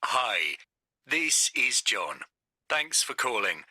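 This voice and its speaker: A recorded voicemail greeting from an ordinary man, read by an actor for a listening exercise. His voice is very bright and forceful, his pitch rises and falls a lot, and he takes it slowly, like a scripted outgoing message. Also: sing-song, no echo, exaggerated voice. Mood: neutral. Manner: slow, clearly spoken outgoing message. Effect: recorded voicemail greeting played back. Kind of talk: scripted textbook audio.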